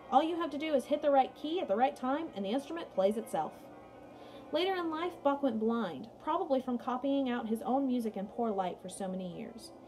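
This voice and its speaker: A young woman teaches music to children in a read-aloud lesson, explaining things and chatting directly with her pupils. Her warm voice sits high, though the audio is poor. She is in a small indoor room at home.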